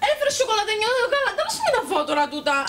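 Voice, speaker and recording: A woman with a Cypriot Greek accent playing a pushy young family member who nags and shouts. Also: very high voice, big pitch swings, heavy background noise. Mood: nagging. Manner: nagging and loud.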